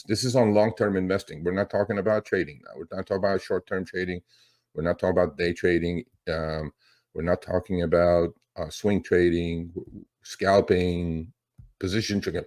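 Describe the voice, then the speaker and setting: Middle-aged male finance host, very low-pitched, loose rambling delivery full of fillers. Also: darkish tone. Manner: rambling, lots of fillers and restarts. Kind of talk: casual market commentary.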